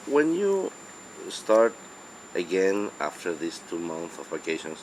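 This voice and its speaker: Low-voiced Spanish-accented man interviewing, halting English. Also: wildly swooping pitch, a little hiss or hum, rough recording. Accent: Spanish-speaking. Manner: halting, searching for words. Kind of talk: casual interview in non-native English.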